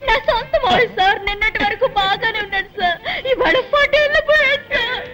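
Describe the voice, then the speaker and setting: A woman's voice: very high voice, lively intonation, fast, loud music behind the voice. A woman playing a cheeky office clerk in a comedy film scene, theatrical and sly. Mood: fake wailing. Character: cheeky young female office clerk faking grief. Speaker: office employee. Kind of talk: comic film dialogue.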